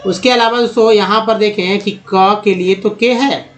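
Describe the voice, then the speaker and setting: A man's voice: high-pitched, fairly even intonation, moderate pace. A man teaching pronunciation step by step, addressing viewers as friends. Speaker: English teacher. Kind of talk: teaching lesson.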